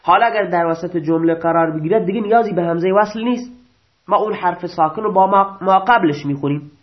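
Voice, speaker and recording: A male teacher giving a grammar lecture, reading out rules and restating them slowly, often asking and answering his own questions. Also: high voice, soft background music. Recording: dull lo-fi recording.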